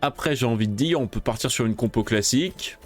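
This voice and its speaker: A man's voice: medium pitch, lively intonation, brisk, faint music behind. A man commentating his own game run in casual let's play style, cursing often when things go wrong and muttering while he plans. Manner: swears loudly in frustration, then mutters. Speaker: gaming video creator.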